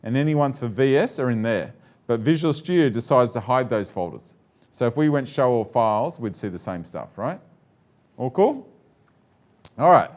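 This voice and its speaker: A man's voice: medium pitch, animated, normal speed, darkish tone. Male presenter at a live tech talk, casual and jokey, mid-range voice, loose with fillers. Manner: chatty, joking, with many fillers and restarts.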